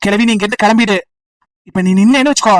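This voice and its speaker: A woman's voice: mid-range voice, fast, far from the mic, voice pushed down, close to an everyday voice. A woman voicing a stubborn, bitter young village man of 28 who refuses marriage and talks curtly and threateningly. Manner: curt, threatening, sulky.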